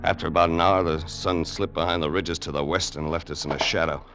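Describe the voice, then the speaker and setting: Fast and fairly even in intonation, a low male voice narrates as a tough, wisecracking crook in a 1940s-50s radio play. The vintage recording includes music, and his colloquial, hard-boiled telling comes across as weary and tense.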